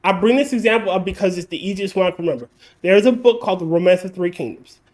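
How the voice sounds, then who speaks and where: This male podcast host talks fast in a high-pitched, darkish voice with lively intonation. During the casual conversation he's blunt and liberally profane, holding forth at length on his point.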